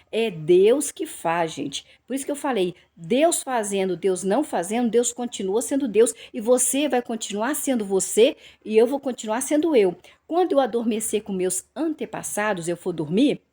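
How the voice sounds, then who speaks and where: Brazilian woman teaching the Bible. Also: fairly high pitch. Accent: Brazilian Portuguese. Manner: animated, repeats phrases, acts out dialogue.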